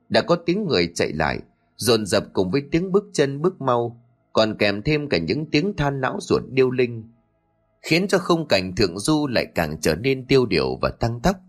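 A man narrating an audiobook story in a dramatic, expressive storytelling manner. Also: medium pitch.

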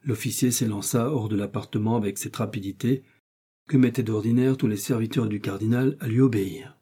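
A male audiobook narrator reads in a measured, steady way. His voice is low, mellow and husky. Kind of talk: scripted narration.

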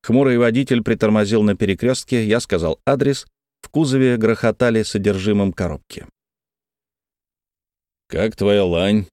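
A man narrating a first-person thriller audiobook in a tense, measured way. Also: on the low side, darkish tone, no echo, clean studio sound.

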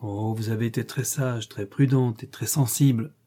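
A brooding, masterful nobleman, voiced by a man reading aloud, speaks in a measured, teasing way. His tone is warm and dark. It is audiobook character reading. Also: mid-range voice, steady tone, close to an everyday voice. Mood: bantering.

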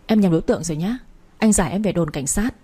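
A woman's voice: fairly low pitch, fast, warm tone, husky. A woman voicing a stern young policeman husband who speaks firmly and briefly.

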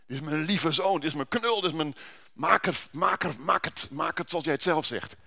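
A man preaching who puts on the voice of God the Father, proud and declaring, a little higher and louder than his own talk. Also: moderate pace, gravelly, exaggerated voice.

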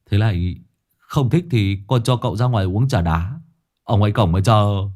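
A man voicing a cheeky young male sidekick who teases in a loud, joking way. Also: lowish voice, normal speed, lightly acted. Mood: mocking.

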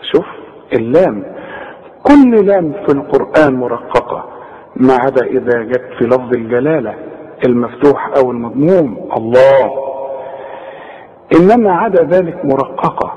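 A man with an Egyptian accent teaching Quran recitation step by step, patiently correcting mistakes and slowly drawing out words to demonstrate. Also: mid-range voice, expressive, dark tone, big-room sound, muffled recording. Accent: Egyptian Arabic. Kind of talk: step-by-step tajweed lesson.

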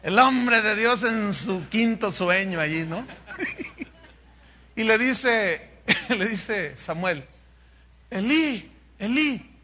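A pastor with a high voice preaches slowly, telling a Bible story with humor and animation and acting out the dialogue himself.

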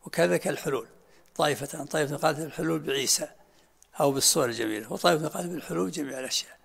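A man's voice: a little high, racing, creaky, a bit bright, husky. An older man teaching a religious lesson in short, repeated phrases and answering students' questions.

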